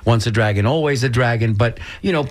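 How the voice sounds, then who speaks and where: A man's voice: medium pitch, fast. A man in his sixties co-hosting a community radio show, chatting in a folksy, joking way. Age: 60s. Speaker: radio co-host. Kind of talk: casual community radio chat.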